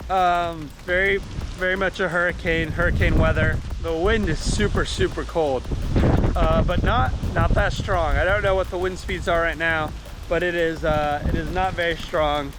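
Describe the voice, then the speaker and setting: A man's voice: on the high side, steady tone, normal speed. A man vlogging casually outdoors in wind and rain, raising his voice over the weather as he gives storm updates. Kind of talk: casual vlog talk to camera.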